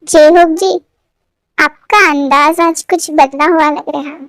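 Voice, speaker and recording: A woman's voice: high-pitched, steady tone, takes it slowly, dry recording, clean studio sound. A woman voicing a teasing young woman boss. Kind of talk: fan fiction story read aloud.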